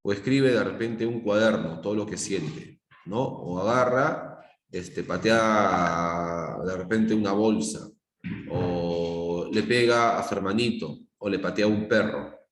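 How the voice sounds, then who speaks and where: Brief: low-voiced Peruvian male teacher, middle-aged, lecturing with examples, roomy echo. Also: slow pace, slight background noise. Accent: Peruvian Spanish. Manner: explains with examples, often asks the class "¿se dan cuenta?". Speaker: psychology teacher. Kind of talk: live online class lecture. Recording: echoey room.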